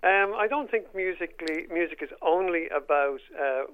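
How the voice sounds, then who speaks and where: A man's voice: a little high, expressive, moderate pace, clean tone. A man from Ireland answering questions over a phone line, so his voice sounds thin and tinny. He works as a music journalist and author. He talks in a reflective way. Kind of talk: interview answers.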